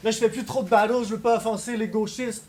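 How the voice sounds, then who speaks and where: A man's voice: high-pitched, level tone, fast talker, over a noisy crowd. A man with a Québécois French accent delivering taunting, punchline-driven rap battle verses. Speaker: battle rapper. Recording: noisy live event recording.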